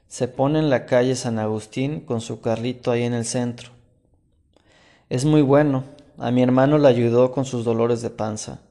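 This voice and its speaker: A man's voice: mid-range voice, steady tone, moderate pace, warm tone, in a large hall, lightly acted. A man voicing a friendly male coworker who talks in a chatty, helpful way.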